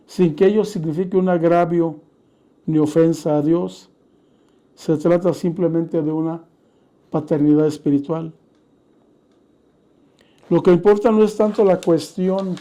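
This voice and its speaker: A man teaching in a measured sermon style, steadily citing scripture verses as he explains. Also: on the high side, dark tone.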